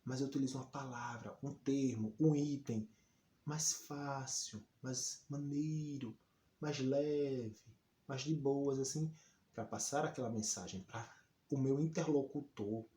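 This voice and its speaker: A man teaching a lesson, asking rhetorical questions and answering them himself, sometimes acting out example lines in a higher voice. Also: measured pace, warm tone, echoey room, a little hiss or hum. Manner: asks and answers his own questions, lots of rhetorical questions. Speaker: Portuguese teacher. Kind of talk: lively explanatory lesson.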